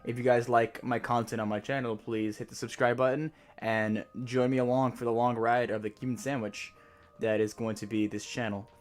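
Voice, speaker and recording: A man's voice: mid-range voice, level tone, normal speed, soft background music. A man speaking casually to his viewers as the host of a video channel.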